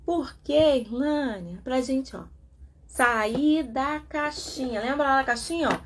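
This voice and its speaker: A woman's voice: high voice, takes it slowly, very noisy. A Brazilian woman hosting a live talk on codependency, asking herself rhetorical questions and acting out the voices of others. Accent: Brazilian Portuguese. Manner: animated, rhetorical, acts out quoted voices. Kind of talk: casual live talk about a self-help book.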